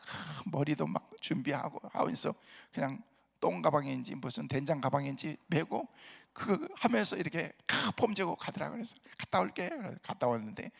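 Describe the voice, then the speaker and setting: A man's voice: on the high side, vocal fry, a bit bright, long reverb tail. A middle-aged male pastor telling a personal story in a sermon, acting out both sides of an argument with his wife. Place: prayer retreat center chapel.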